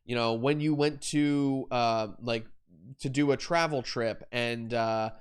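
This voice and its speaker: A man's voice: medium pitch, fairly even intonation, takes it slowly, clean tone. A young adult man hosting a live photography Q&A stream, explaining lighting setups in a rambling, self-correcting way with fillers and repeated words. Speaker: photography livestream host.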